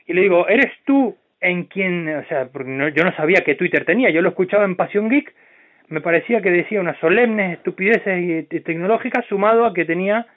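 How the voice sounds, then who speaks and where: A man hosting a podcast, talking in a blunt, profane, animated way. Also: high voice, fast talker. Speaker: podcast host. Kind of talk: casual podcast chat. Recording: tinny phone-like sound.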